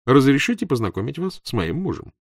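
A man's voice: medium pitch, sing-song, a little fast, vocal fry, no echo, studio quality, voice pushed up. A man reading the part of a young married woman who speaks to an old suitor in a cool, distant, politely dismissive way.

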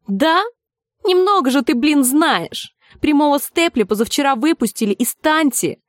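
Woman reader as a slangy, jeering street-fan lad, high and pushy. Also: lively intonation, normal speed, no room sound, studio quality. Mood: taunting. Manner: rude, slangy, taunting. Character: brash young male street football fan.

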